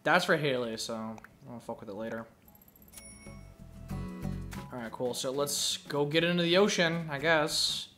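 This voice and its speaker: A man's voice: medium pitch, big pitch swings, unhurried, pauses often, bright, forceful tone, soft background music. A man giving casual, profane gameplay commentary, muttering to himself as he plays.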